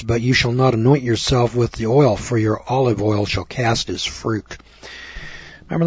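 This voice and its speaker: A man's voice: mid-range voice, darkish tone, breathy edge, no room sound, muffled recording. An older American man preaching, reading scripture aloud and breaking off into blunt, crude, scornful remarks. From United States. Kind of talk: folksy sermon reading scripture.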